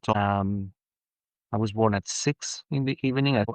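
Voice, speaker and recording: A man from Argentina, a perfumer, talking as a guest in a casual interview, halting with many restarts and growing animated when excited. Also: lowish voice, dry recording, low-quality recording.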